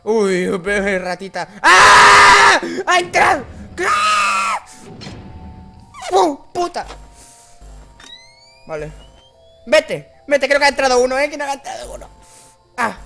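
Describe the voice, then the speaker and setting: Man, Spain accent, high reedy voice, bright cutting tone, horror game commentary, constant swearing, sudden screams. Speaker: gameplay commentator.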